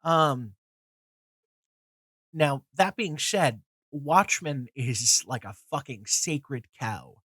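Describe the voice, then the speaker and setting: Nasal-voiced with a cold, a man in his twenties who hosts comics videos wanders through his opinions, full of fillers, restarts and offhand swearing. He speaks in a mid-range, fairly bright voice, with no echo.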